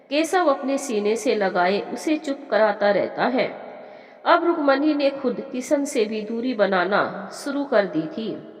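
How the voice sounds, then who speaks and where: Woman narrating a sad story, echoey. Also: a little high. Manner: steady, emotional storytelling. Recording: echoey room with long reverb.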